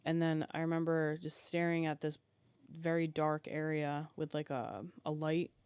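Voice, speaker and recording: A man guest on a podcast, telling a personal story haltingly and with emotion, full of fillers and restarts. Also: a little high, level tone, a little mellow, smooth, dry recording.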